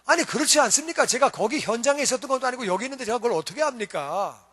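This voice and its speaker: Man playing a grumbling, pleading middle-aged politician, high bright voice in a reverberant hall. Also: expressive, very fast, slightly rough, full character voice. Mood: protesting. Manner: indignant, then begging and stammering. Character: drunk, pleading African male legislator.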